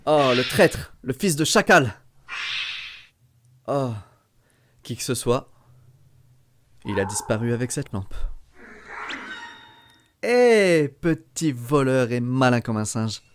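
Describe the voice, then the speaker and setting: A man voicing a scrappy, wary young male street thief in amateur animated film dubbing. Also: mid-range voice, takes it slowly, long pauses, slight background noise. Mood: indignant, puzzled.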